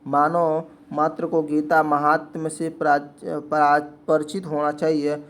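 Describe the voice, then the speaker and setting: Male teacher, slightly higher voice, repetitive Q&A explainer for exam prep. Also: flat delivery, measured pace. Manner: repetitive question-and-answer explaining.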